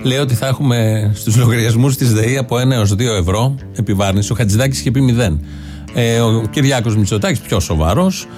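A man's voice: mid-range voice, darkish tone. A man hosting a satirical show, commenting with mocking irony. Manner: mocking, ironic asides. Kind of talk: sarcastic commentary.

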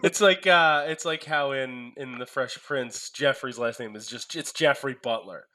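A man hosting a sports betting podcast, calling on each co-host for picks in relaxed banter. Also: mid-range voice, moderate pace. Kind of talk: casual sports betting chat.

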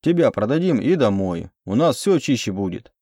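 A man's voice: medium pitch, sing-song, normal speed, warm tone, no room sound, studio quality. A man playing a big, dim-witted male thug who speaks bluntly and lazily.

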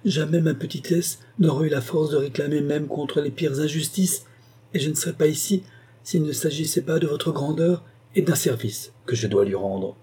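A brave young peasant girl in a fairy tale, as a man puts her on, earnest and a little breathless. The voice sits somewhat higher than the reader's own and stays soft and husky. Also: normal speed. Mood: humble.

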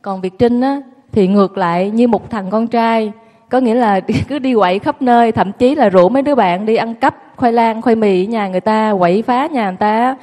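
A woman's voice: a little high, normal speed, a little mellow, in a large hall. A woman telling her childhood story to an audience in a candid, self-mocking way. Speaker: guest recounting her childhood.

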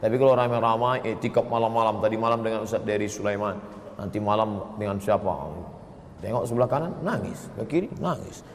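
A man giving a lively sermon, telling stories and breaking into chanted phrases. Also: lowish voice, quick pace, slight background noise. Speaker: preacher. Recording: echoey hall with faint ambience.

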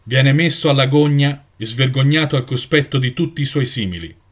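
A man's voice: medium pitch, moderate pace, natural voice. A man reading aloud, voicing an old male seagull elder who proclaims a judgment in a solemn ceremonial tone. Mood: condemning.

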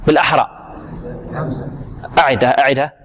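A man teaching Quran recitation, drawing words out slowly and quizzing his students on pronunciation rules. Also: medium pitch, steady tone, crowd noise. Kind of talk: tajweed lesson with students.

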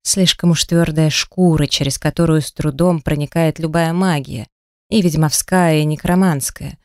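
A woman narrates a first-person fantasy story in a wry, lively manner. Her voice sits on the lower side, and the recording is dry and close with no room sound. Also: moderate pace, no echo. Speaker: audiobook narrator.

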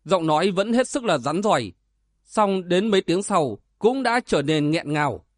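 A man narrating a martial arts novel as an audiobook in a steady, dramatic reading. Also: high voice, moderate pace, dry recording, studio quality.

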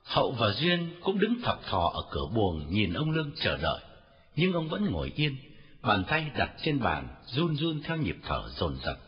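A man narrating a novel as an audiobook in an expressive storytelling reading. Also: mid-range voice, moderate pace. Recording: dull lo-fi recording with faint music.

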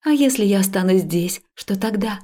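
A woman reading a first-person fantasy audiobook in a calm, even manner. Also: mid-range voice, moderate pace. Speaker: audiobook narrator. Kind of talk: first-person scripted narration.

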